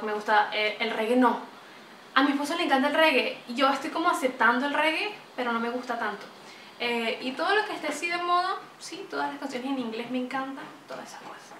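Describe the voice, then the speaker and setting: Chatting animatedly to camera in a small bright room, this young adult vlogger from Venezuela talks with a Venezuelan accent, lots of gestures and plenty of chatter. Her voice is high, and the distant, slightly off-mic recording has roomy echo plus a little hiss or hum.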